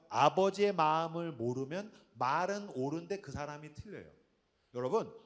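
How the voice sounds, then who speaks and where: A male pastor with a notably high voice, preaching an evening sermon to young adults. He drives each point home with emphasis and keeps putting questions to his listeners in a chatty, direct way.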